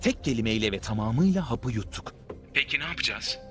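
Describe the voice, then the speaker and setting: A man voices a jittery lab colleague in a middle-pitched voice, full of hesitant fillers and stammers. He sounds anxious, always covering for someone, with faint music under him. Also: animated, a little fast, a bit bright, natural voice. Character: nervous male lab colleague covering for a friend. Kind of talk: film dubbing.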